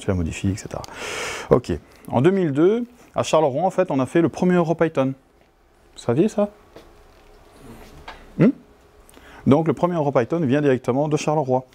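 With a medium-pitched, dark-toned voice, a middle-aged Belgian man presents at a conference hall in Belgian French-accented speech. He comes across as chatty and self-mocking.

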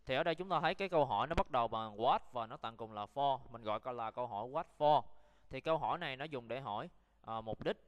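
A man's voice: medium pitch, animated, fast talker, big-room sound, lo-fi sound. A Vietnamese man with a Vietnamese accent teaching an online English lesson, drilling words for students to repeat and explaining in Vietnamese.

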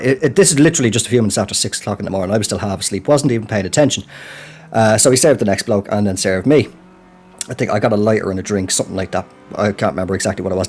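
A man with an Irish accent and a slightly low voice talks to his gaming channel. He tells his story in a loose, colloquial, rambling way, with a self-deprecating touch. The delivery is casual chat, like a personal update. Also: a little mellow.

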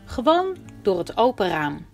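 Expressive woman introducing a children's story. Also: medium pitch, a little slow, gravelly. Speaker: presenter. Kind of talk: scripted narration for children. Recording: soft guitar music behind.

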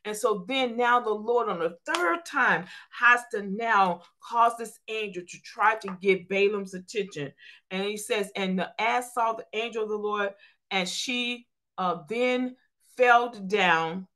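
Reading scripture aloud during a church sermon, a woman explains it in plain, folksy, informal language and calls out to the congregation. Her medium-pitched voice is bright and forceful, moving a little slowly.

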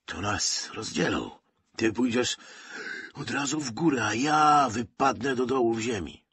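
Man voicing a feverish young soldier, panting, urgent half-whisper, husky, audiobook. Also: deep voice, lively intonation, unhurried, a bit bright, dry recording, exaggerated voice. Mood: frightened.

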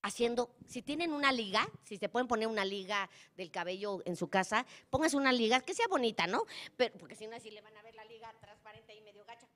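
A middle-aged Mexican woman, speaking somewhat high, gives a motivational talk to a live audience. She is colloquial and lively and teases the listeners with direct questions. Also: quick pace. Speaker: conference speaker.

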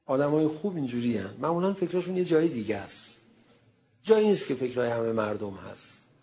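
A male preacher giving a sermon, telling a story in an animated way and acting out the quoted speech. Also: medium pitch.

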